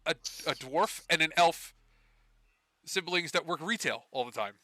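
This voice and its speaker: Bright, chatty man running a tabletop game. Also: on the high side, lively intonation, unhurried, dry recording, studio quality. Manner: loose, chatty, laughs often, restarts phrases. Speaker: game master. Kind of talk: narrating a tabletop game on a live stream.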